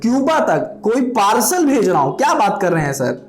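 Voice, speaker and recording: A man's voice: sits high, big pitch swings, normal speed. A man putting on a panicky scam victim. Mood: indignant. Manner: flustered, repeating words anxiously.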